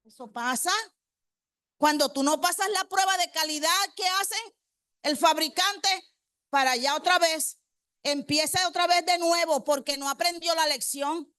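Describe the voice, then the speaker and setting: A woman's voice: very high-pitched, unhurried, sharp tone, dry recording, studio quality. A woman preacher delivering a congregational sermon. She quizzes the congregation with rhetorical questions and repeats key phrases for emphasis.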